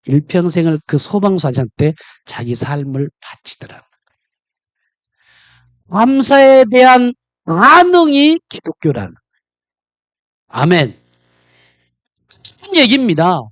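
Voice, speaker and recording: A male pastor preaching a sermon, quizzing the congregation directly and swinging between loud emphatic lines and low confiding ones. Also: big pitch swings, unhurried, long pauses, no room sound.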